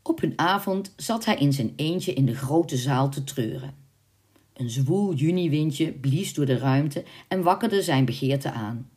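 Brief: deep-toned female storyteller, measured and expressive. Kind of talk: storybook narration.

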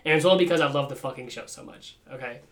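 A man's voice: medium pitch, racing, a bit bright. A man in a casual podcast chat, profane and joking, talking animatedly.

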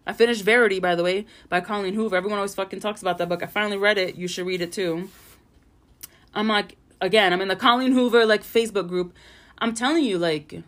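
A woman's voice: mid-range voice, steady tone, quick pace, fairly bright tone. A young adult woman hosting a casual solo podcast from home. She talks frankly and chattily and swears freely. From Puerto Rican family. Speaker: podcast host. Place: bedroom vanity at home.

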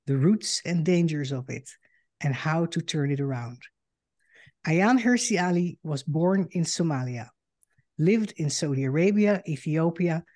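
A woman from the Netherlands hosting a podcast, reading a formal guest introduction and asking questions in a measured way. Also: sits low, dark tone. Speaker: podcast host. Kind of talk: scripted introduction and interviewing.

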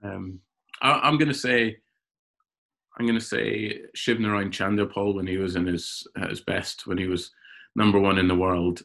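A man who is a cricketer guest on a podcast, telling animated stories in casual chat and often repeating words as he gets going. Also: low voice, moderate pace, vocal fry. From Scotland.

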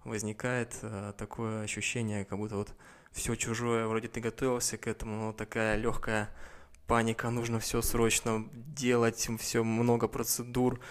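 A man in his twenties, an airline pilot, answering interview questions in a measured, explanatory way with pauses. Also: lowish voice, monotone. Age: 20s. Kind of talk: interview answers about career.

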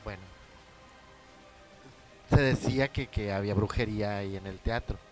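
A man's voice: fairly low pitch, moderate pace, darkish tone, faint music behind. A man in a casual chat, prompting the others to tell their stories. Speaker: actor.

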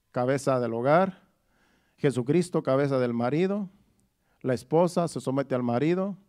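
A man's voice: medium pitch, darkish tone. A middle-aged man preaching a sermon in an earnest, personal way, often restarting his phrases. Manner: earnest, testimonial, with frequent restarts.

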